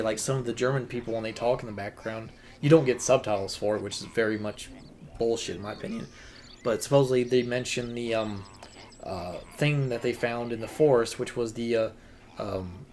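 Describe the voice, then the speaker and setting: A man's voice: mid-range voice, darkish tone, slight background noise. Rambling, swearing young man gamer. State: sore, scratchy throat. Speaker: host. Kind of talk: casual chat while gaming.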